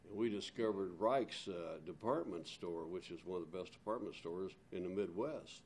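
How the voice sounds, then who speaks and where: Very deep-voiced older barber. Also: male voice, moderate pace, a little mellow, a little hiss or hum. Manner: easygoing, reminiscing, hesitant fillers. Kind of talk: casual conversation.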